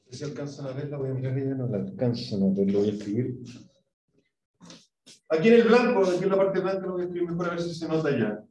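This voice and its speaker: A man's voice: on the high side, fast talker, darkish tone, a little hiss or hum. A man with a Chilean Spanish accent teaching an English class, asking questions and drilling pronunciation. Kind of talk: classroom lesson. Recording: echoey room, mic far off.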